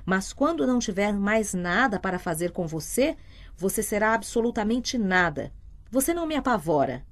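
A woman voicing a defiant young boy who speaks high and insistent, rising to shouts, in a read-aloud audiobook. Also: big pitch swings, moderate pace, close to an everyday voice.

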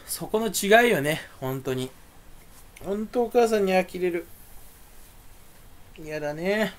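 A young man grumbling through a solo rambling monologue, ranting in complaints that burst out loud, with a voice that sounds angry even when he is not. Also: high voice, slow, a little hiss or hum. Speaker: streamer.

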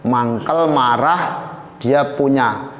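A male preacher telling a story in a lively, dramatic way, with an East Javanese Indonesian accent, at a live study gathering. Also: medium pitch, slow pace. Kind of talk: storytelling religious lecture. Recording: echoey hall, faint ambience.

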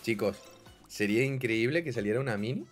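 A young man doing casual gameplay commentary, swinging grumbling mutters to excited yelps. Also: medium pitch, brisk, soft background music. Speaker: gaming YouTuber.

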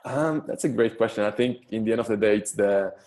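An Israeli man in his thirties, not an English speaker, talks through his answers in a low, warm, rounded voice. He stops and restarts often, repeating words as he looks for the phrase, in an unhurried conversational way. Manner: halting, frequent restarts and stammered repeats, non-native phrasing. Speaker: podcast guest, business investor. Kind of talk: casual interview answers.

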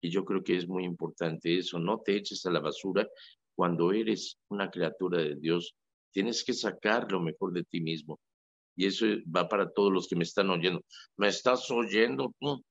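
Sacerdote mexicano de voz grave y carrasposa. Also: male voice, sits low, normal speed, no echo. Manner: animated, emphatic, storytelling. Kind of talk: casual radio talk. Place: radio studio. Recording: dry lo-fi radio audio.

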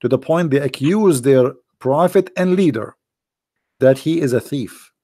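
A man from the Middle East, hoarse and losing his voice, insistently pressing rhetorical questions as host of an online debate. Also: mid-range voice, measured pace, dark tone, no echo.

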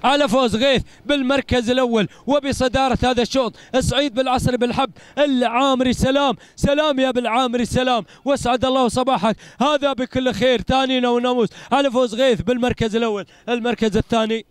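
High, fast Emirati race commentator. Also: male voice, clean tone, no echo. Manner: excited, repeats phrases in rapid chanting bursts.

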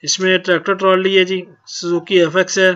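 A man's voice: high voice, level tone, fairly quick, fairly bright tone, highs cut off. A man hosting his own channel, plainly reading out auction notices and tacking a polite "ji" onto most sentences. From Pakistan. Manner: plain, repeats "ji" often. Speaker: channel host.

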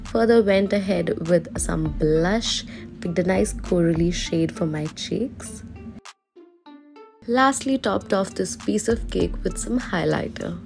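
Chatty Indian woman, lowish voice, over music. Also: slow pace, gravelly. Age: 20s. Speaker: beauty vlogger. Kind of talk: makeup tutorial voice-over, casual and chatty.

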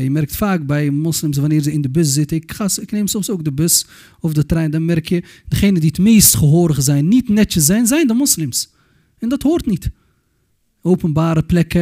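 Man, religious lecture, earnest and admonishing, Arabic phrases mixed in, mellow dark voice. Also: fairly high pitch. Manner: earnest, admonishing, often repeats and restarts words; mixes Arabic phrases into his talk. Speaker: Islamic youth lecturer.

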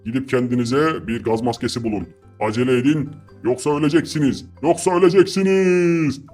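A man's voice: mid-range voice, a little mellow, soft background music, natural voice. A man voicing a submarine captain in a game video, hurrying players with orders. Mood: bossy. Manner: hurried orders. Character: bossy submarine captain, male adult.

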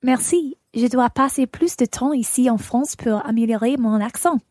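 A woman's voice: a little high, normal speed, darkish tone, no echo, studio quality, natural voice. A woman playing a friendly dinner guest. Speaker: learner in a lesson dialogue. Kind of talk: scripted dialogue.

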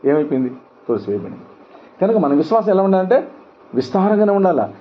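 A man's voice: high voice, big pitch swings, fast talker. A middle-aged male pastor preaching a sermon with emphatic rhetorical questions. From India. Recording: dull lo-fi sound with faint noise.

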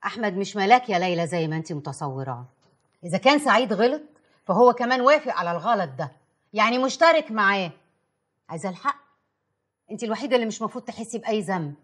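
A woman playing a soft-spoken persuader. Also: medium pitch, animated, fast talker, close to an everyday voice. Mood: persuasive. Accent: Egyptian Arabic.

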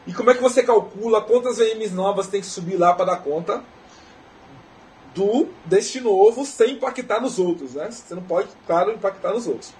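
A man with a Brazilian Portuguese accent giving a technical lecture in a relaxed, conversational way, often tagging questions onto his sentences. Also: high-pitched, normal speed, poor audio. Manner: conversational, often tags "né?" and restarts phrases. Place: conference lecture hall.

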